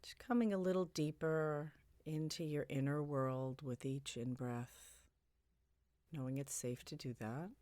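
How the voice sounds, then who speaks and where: A woman with a low voice narrates a guided meditation, offering soothing, gentle suggestions at a very unhurried pace. She leaves long pauses between phrases and keeps a steady tone. The close, dry recording has no room sound.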